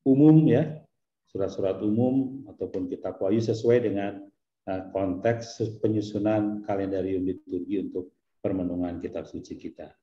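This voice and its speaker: A man, a priest, explaining things in an easygoing, teacherly way during a relaxed talk. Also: low voice, normal speed, roomy sound, dull audio.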